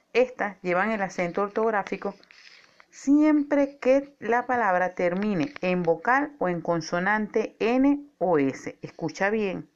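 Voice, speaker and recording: A woman teacher giving a scripted spoken lesson, with a clear, measured delivery that slows down to stress key words. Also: medium pitch, lo-fi sound.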